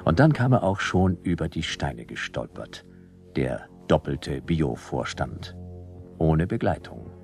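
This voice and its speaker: A man's voice: a bass voice, sing-song, takes it slowly, vocal fry, darkish tone, soft background music, heavily acted. A man voicing Jonas, a world-weary private detective narrating a radio play with dry sarcasm. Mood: wry. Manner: dry, sardonic, clipped.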